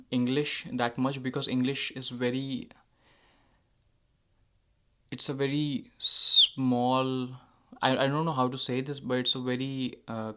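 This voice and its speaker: Talking loosely and without a script, this channel host, a young man whose native language is Hindi, addresses his viewers in a sharp, medium-pitched voice. He uses lots of fillers and often corrects himself.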